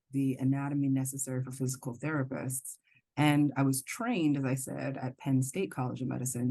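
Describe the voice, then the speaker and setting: A middle-aged woman from the Bahamas, a professor speaking as a podcast guest in an earnest, measured way with frequent ums. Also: extremely low pitch, dark tone. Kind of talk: podcast interview.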